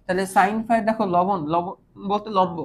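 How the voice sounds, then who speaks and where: A woman's voice: medium pitch, steady tone, normal speed, slight background noise. A woman teaching an online math lesson, patiently asking her students whether they follow and mixing English math terms into her speech. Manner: patient, keeps checking understanding with questions.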